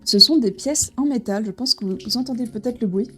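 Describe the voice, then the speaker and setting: A woman's voice: fairly high pitch, brisk, sharp tone, slightly rough, soft background music. A woman casually presenting a board game as she unboxes it, with frequent fillers and restarts. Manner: hesitant, many fillers and restarts.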